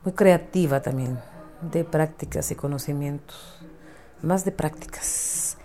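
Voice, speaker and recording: A middle-aged woman from Honduras, an interview guest speaking thoughtfully about politics, pausing and searching for her words. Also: low voice, mellow, faint music behind. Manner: thoughtful, searching, with restarts and tag questions. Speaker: interview guest, feminist activist and writer. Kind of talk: reflective conversational interview.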